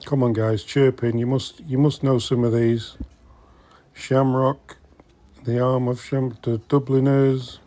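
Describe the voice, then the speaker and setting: A middle-aged vlogger focused on vintage collecting speaks in a warm, mid-range voice, slow and flat in delivery. He browses a secondhand shop while chatting casually to viewers and occasionally muttering to himself.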